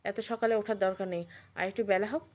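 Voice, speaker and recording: A woman voicing a caring middle-aged aunt in a Bengali audio story, speaking in a gentle, motherly way. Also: medium pitch, fairly even intonation, fast talker, natural voice.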